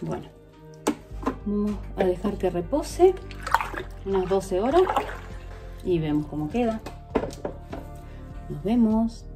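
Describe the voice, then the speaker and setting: This woman in her 40s vlogs a casual demo from her kitchen at home, chatting directly to her audience as she works. Her mid-range voice is expressive and slow, with frequent pauses, and music plays under her speech on the phone recording.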